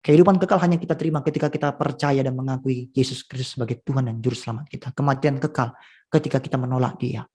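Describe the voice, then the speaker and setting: A male pastor preaching a sermon at a school, telling stories with lively swings in pitch and volume. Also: quick pace. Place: school event.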